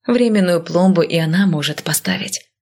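Woman narrator, lowish voice, steady first-person audiobook reading. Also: moderate pace.

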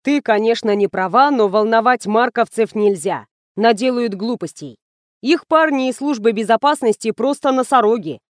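A woman reading the part of a calm, dryly ironic male publisher. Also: fairly high pitch, normal speed, no echo, clean studio sound, close to an everyday voice.

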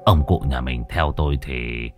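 A man doing a grim, halting old exorcist. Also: over music. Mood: grave, ominous. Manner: low, halting, ominous and terse. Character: grim elderly male village exorcist, curt.

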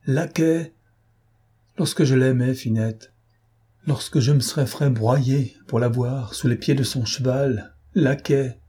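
A man's voice: mid-range voice, steady tone, slow, mellow, slightly rough. A man voicing a proud, lovesick young man who speaks in passionate, despairing outbursts in an audiobook. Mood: anguished. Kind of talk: audiobook character voice.

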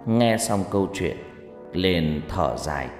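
Audiobook narrator, dramatic storytelling, lively pitch, roomy echo, soft music. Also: slow. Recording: echoey reverb with background music.

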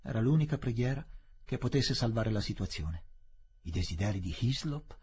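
Husky male audiobook reader. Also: medium pitch. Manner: measured, expressive reading. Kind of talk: literary reading for radio.

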